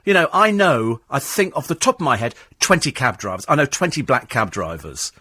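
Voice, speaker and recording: Sarcastic talk radio host ranting. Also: male voice, medium pitch, very animated, a little fast, bright, forceful tone, slightly rough, no echo. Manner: sarcastic, mocks cabbies in put-on voices. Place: radio studio.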